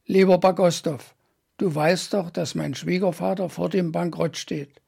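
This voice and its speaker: A man putting on a gravelly letter-writing friend. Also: high voice, steady tone, a little slow, a little mellow, voice pushed up, exaggerated voice. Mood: urgent.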